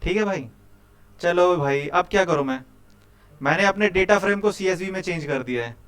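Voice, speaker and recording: A man's voice: high voice, normal speed, a bit bright, smooth. Chatty Hindi-speaking coding teacher, man. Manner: chatty, quizzes students, keeps saying "bhai". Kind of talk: live coding class with students.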